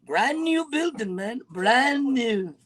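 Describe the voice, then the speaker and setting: A man with a notably high voice talks in English as a second language, his first being Spanish. He tells his story emphatically in a relaxed chat, his grammar a little loose. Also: slow pace, rough recording. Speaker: guest. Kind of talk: casual chat.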